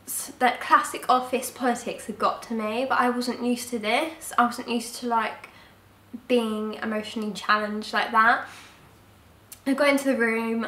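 A young woman telling a personal story in a casual vlog, frank and expressive, swearing now and then. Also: a little high. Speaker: vlogger. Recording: roomy, mic at a distance.

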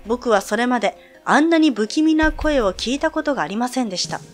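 A woman reading aloud as a male high school student who calmly tells a ghost story from a sound novel. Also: quick pace, faint music behind, lightly acted. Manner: calm, storytelling.

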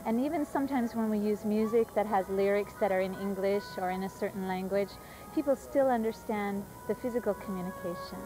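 A woman's voice: medium pitch, brisk, poor audio. Enthusiastic female teacher, interview, music bed underneath. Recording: music behind.

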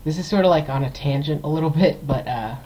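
A man's voice: on the high side, fast, mellow, a little hiss or hum, rough recording. A man hosting a gameplay video, giving casual let's-play commentary in a rambling way, full of fillers and restarted sentences, into a desktop computer mic.

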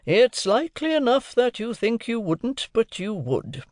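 A man performs a domineering, middle-aged lawyer in an audiobook. He is brusque and emphatic, as if questioning a witness. The pitch is high and swings widely in a dry, close recording. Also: big pitch swings, no room sound, exaggerated voice. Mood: triumphant, overbearing. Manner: cross-examining, emphatic, deliberate. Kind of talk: audiobook character dialogue.

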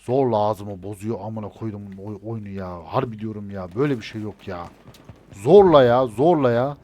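A man with a lowish, dark-toned voice talks a little fast, muttering his casual game commentary and lashing out with frustrated swears as the game's gunfire goes off.

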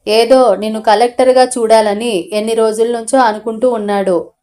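A woman voicing a gentle, worried middle-aged mother who soothes her son and pleads with her husband, in a storybook audio novel. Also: fairly high pitch, steady tone, normal speed, natural voice. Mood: soothing.

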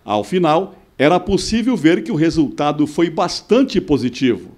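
A man's voice: fairly high pitch, sing-song, moderate pace, a little mellow. A man reading a scripted news voice-over as the reporter. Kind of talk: news narration.

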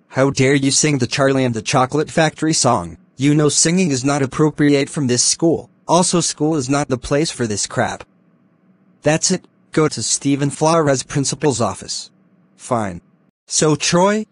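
Flat text-to-speech man's voice. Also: medium pitch, measured pace, dry recording. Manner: flat synthetic delivery.

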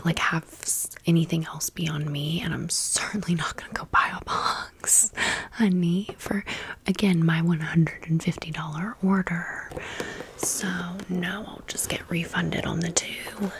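An American woman whispers in a fairly low, gravelly voice, with a little hiss or hum in the audio. She's a video creator chatting through a haul and a story in rambling ASMR style, softly repeating words.

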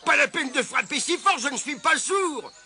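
A forgetful, grumpy mole grumbles in a high, strained voice and drawls as he tries to remember. He swings up and down as he fusses, a man putting him on while reading, with music behind. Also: huge pitch swings, sharp tone, full character voice. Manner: grumbling, slow and muddled.

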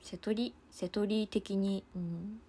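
A woman's voice: medium pitch, fairly even intonation, slow, warm tone, slightly rough. A young woman with a chatting casually to fans on a livestream, giggling often.

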